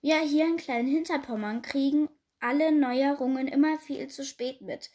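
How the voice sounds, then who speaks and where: A woman's voice: sits high, moderate pace, a little mellow, voice pushed up, close to an everyday voice. A woman voicing a muddled, cheerful host king who stumbles over his words. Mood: delighted.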